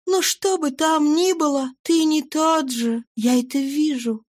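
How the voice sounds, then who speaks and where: A woman's voice: high-pitched, unhurried, voice pushed up. A woman voicing a fervent, pleading wife. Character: devoted wife, anxious and passionate.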